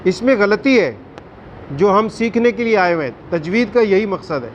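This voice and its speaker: A man teaching a Quran recitation class, firm and questioning, drawing out recited words slowly. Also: high voice, expressive, muffled recording, slight background noise. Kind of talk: classroom tajweed lesson.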